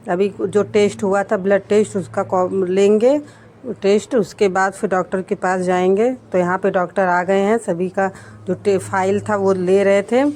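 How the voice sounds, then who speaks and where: A woman in her thirties, a vlogger and mother, narrating her day in a soft, unhurried way. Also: mid-range voice, level tone, slight background noise. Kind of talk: casual vlog narration.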